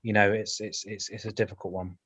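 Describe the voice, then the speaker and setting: A man's voice: lowish voice, level tone, a little fast, a bit bright, slightly rough, no room sound. A male councillor speaking in a council committee meeting, hesitant, often repeating words, with light humour.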